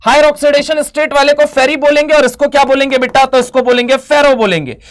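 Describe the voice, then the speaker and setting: A man with an Indian accent teaches chemistry for exam prep in a high, energetic voice. He keeps asking and answering his own questions and drops English terms into his speech. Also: quick pace. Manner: mixes Hindi with English terms, uses mnemonics and jokes.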